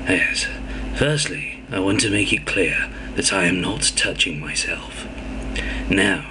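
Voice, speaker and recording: A man's voice: deep voice, slow pace, background noise. A man playing a cranky old-fashioned listener who phones in blunt, grumbling complaints to a radio show. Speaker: prank caller. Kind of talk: comedy radio sketch.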